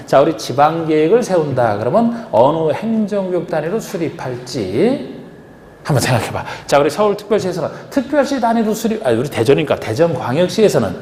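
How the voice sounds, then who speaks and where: A man lectures a class with a lively, rising-and-falling voice, firing rhetorical questions at his students. His tone is mellow and slightly high. The sound carries the long echo of a big lecture hall, with faint noise underneath. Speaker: real estate agent exam instructor.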